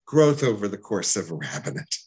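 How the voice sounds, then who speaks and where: Thoughtful rabbi, man, measured interview answers. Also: fairly low pitch, big pitch swings, vocal fry, darkish tone. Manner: thoughtful, repeats words as he gathers thoughts.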